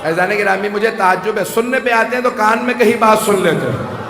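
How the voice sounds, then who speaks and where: A man preaching a rhetorical sermon to a gathering, rising to shouts and making joking asides. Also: high-pitched, over a noisy crowd, very noisy. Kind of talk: Urdu majlis sermon. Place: large hall with audience. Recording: echoey hall, faint ambience.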